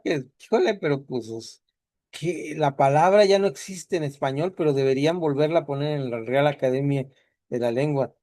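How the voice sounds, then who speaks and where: A man's voice: a little high, darkish tone, dry recording, studio quality. Chatty man teaching a class. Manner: conversational, asks the class rhetorical questions.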